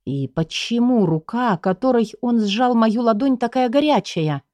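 A woman calmly narrating a story in the first person. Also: a little high, measured pace, dry recording. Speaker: audiobook narrator.

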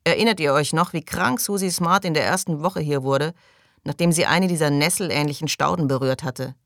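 Pompous touchy doctor guy, man reading it, loud and huffy, dry close sound. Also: on the high side, a little fast, gravelly, dry recording. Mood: indignant. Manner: indignant, loud, defensive. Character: irritable pompous male colony doctor.

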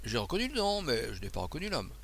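A man's voice: mid-range voice, huge pitch swings, quick pace, gravelly, fairly bright tone, slight background noise, full character voice. A man reading aloud voices a kindly, fretful priest who stammers and exclaims anxiously. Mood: flustered. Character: flustered fretful abbé, a kindly male priest.

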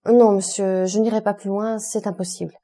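A frightened, superstitious male servant begging his master in loud, agitated pleas, as a woman reads him in an audiobook. Her tone stays mellow and breathy even as the voice rises. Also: medium pitch, normal speed, natural voice. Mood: frightened pleading. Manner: fearful, pleading, agitated exclamations. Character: terrified male steward, superstitious and pleading.

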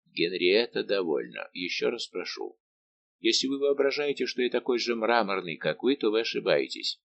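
A man's voice: lowish voice, big pitch swings, normal speed, creaky, fairly bright tone, highs cut off, slight background noise, full character voice. A man reading a tormented lovesick king.

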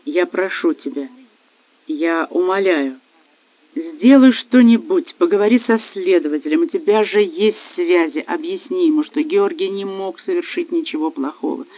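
A man's voice: high voice, moderate pace, dry recording. A man voicing a desperate young wife who pleads through tears. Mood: pleading. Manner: pleading, tearful. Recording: dry, phone-like lo-fi.

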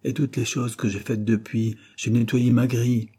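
A man voicing a shrill, ill-tempered working wife who scolds and shouts. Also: little pitch movement, moderate pace, husky. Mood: furious. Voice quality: piercing, shrill.

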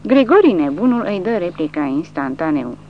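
A woman narrating a war audiobook in a dramatic, animated way, in a dull lo-fi recording with a faint hum. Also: lowish voice. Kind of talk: scripted narration.

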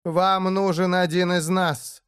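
A ruthless dark elf noblewoman, played by a male narrator speaks in a raised, hoarse voice full of cold disdain. The delivery is clipped and dismissive, and the recording is dry and close. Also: sits high, little pitch movement, takes it slowly, no room sound, pitched above the performer's own voice. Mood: threatening. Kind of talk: audiobook character voice.

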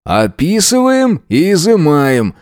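A stern Soviet police officer speaks in short, dry sentences, as a male reader plays him. His voice is a little lifted above the reader's own tone and stays lively. It is a dry, close audiobook recording. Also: medium pitch, measured pace, no echo. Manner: curt and dry. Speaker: police lieutenant.

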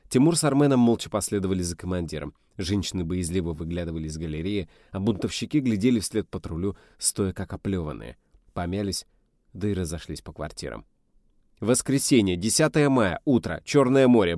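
A man reading a novel aloud in a steady, measured storytelling voice. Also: low-pitched, no room sound, clean studio sound. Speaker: audiobook reader. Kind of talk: scripted narration.

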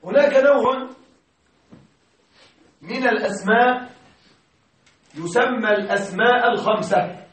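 A man's voice: extremely high pitch, measured pace, pauses often, a bit bright. A man teaching grammar in a classroom, often stopping to quiz his students with short check questions. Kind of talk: classroom lecture. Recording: very echoey room, mic far off.

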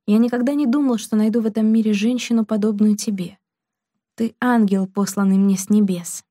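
Woman reading a protective nobleman in love, slow, ardent, mellow delivery. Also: medium pitch, fairly even intonation, no room sound, clean studio sound, natural voice. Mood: passionate. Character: passionate aristocratic man, protective lover.

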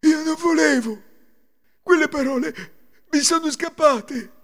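A man's voice: very high-pitched, slow pace, fairly bright tone, pitched above the performer's own voice, full character voice. An Italian man voicing a frightened young peasant man in a folk tale audio story. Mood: pleading.

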